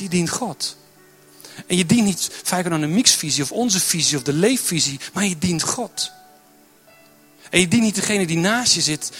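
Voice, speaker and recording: A man with a fairly high voice preaches in church, soft music playing under him. He leans into repetition and lifts his voice as he exhorts the congregation. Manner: builds to emphatic, repetitive exhortation. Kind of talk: sermon.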